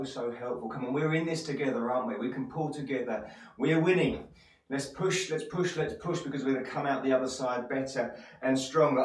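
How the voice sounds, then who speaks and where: A man from Essex with an Essex accent giving an encouraging motivational sermon as a pastor, speaking straight to listeners with rhetorical questions and repeated phrases. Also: mid-range voice. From Essex, England. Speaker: church pastor. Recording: echoey room, distant microphone.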